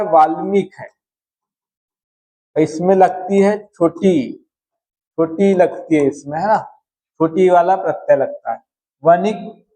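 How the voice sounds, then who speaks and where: Slow, high-voiced male grammar teacher. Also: a little mellow, poor audio. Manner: explains word by word, often checks in with "है ना". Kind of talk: slow spelling-correction lesson.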